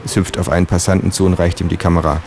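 A man reading out his own comic story in a deadpan, matter-of-fact way. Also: deep voice, racing, faint music behind.

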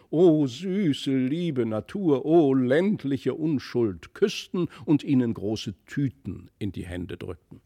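A man reading a classic tale aloud in measured, even storytelling narration. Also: medium pitch, no echo, studio quality. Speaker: audiobook reader.

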